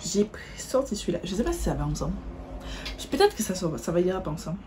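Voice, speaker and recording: A woman's voice: fairly low pitch, big pitch swings, quick pace, background noise. A woman chatting casually through a makeup tutorial, correcting herself as she goes and describing each product while she applies it. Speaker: beauty vlogger.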